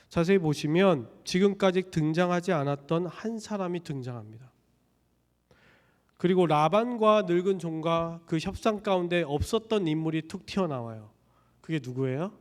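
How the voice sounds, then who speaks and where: A man preaching a sermon as a pastor, telling the story with lively voices for each character. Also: a little high, normal speed, long reverb tail. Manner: animated storytelling, acting out characters' lines. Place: church sanctuary.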